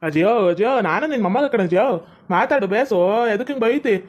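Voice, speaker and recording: A man's voice: high-pitched, lively intonation, fast talker, lo-fi sound. A person playing a brash young village man, a grandson, in a comedy sketch, bossy.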